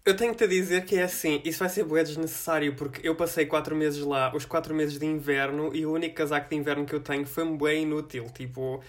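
A man's voice: a little high, fairly even intonation, quick pace, hardly any pauses. A young man with a European Portuguese accent chatting casually as a podcast co-host, blunt and slangy, dropping in English words.

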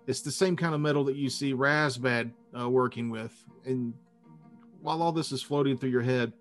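A man narrating a tabletop fantasy game as game master, improvising in a halting way with dramatic pauses. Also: medium pitch, soft background music.

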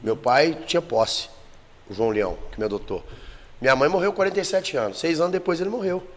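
A man's voice: fairly high pitch, fast talker, long reverb tail. A man with a Brazilian Portuguese accent in a casual podcast chat, telling a personal story bluntly and emotionally with plenty of swearing. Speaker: guest telling his life story.

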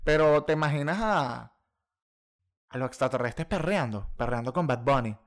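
A man's voice: mid-range voice, expressive, moderate pace. A man in a joking, slangy casual chat as a podcast co-host.

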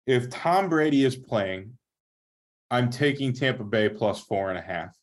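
A man's voice: medium pitch, lively intonation, a little slow. A man co-hosting a casual sports podcast, asking questions and thinking aloud in a hesitant way.

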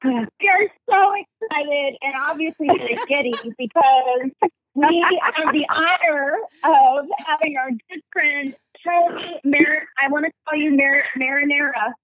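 A woman from Chicago co-hosting a podcast, bubbly and excitable in casual chat. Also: sits high, unhurried, no echo, phone-quality sound. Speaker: podcast co-host.

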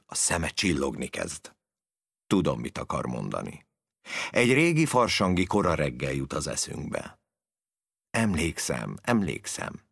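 A man hosting a podcast, reading literary prose aloud in a measured storytelling manner. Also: sits low, a bit bright, no echo, studio quality. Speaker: podcast host.

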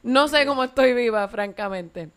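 A woman's voice: fairly high pitch, moderate pace, clean tone. A young woman with a Puerto Rican accent co-hosting a podcast, laughing often as she looks back on past episodes. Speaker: podcast co-host. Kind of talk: casual podcast chat, recapping past episodes.

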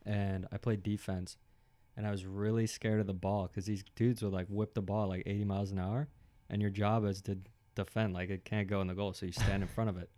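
A young man in casual chat, telling a story in a relaxed, rambling way with lots of fillers. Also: on the low side, brisk.

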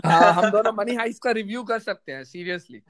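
A man's voice: high voice, rapid-fire, crowd noise. A man with a Pakistani accent hosting a podcast in casual conversation. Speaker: podcast host. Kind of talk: casual chat mixing in Urdu phrases.

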